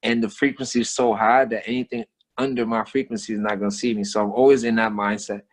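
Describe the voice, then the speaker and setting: Speaking fast in a fairly low, steady male voice, a street artist with an American accent trades stories as a guest. It's relaxed, conversational talk, with philosophizing delivered through emphatic, slang-heavy, repeated phrasing.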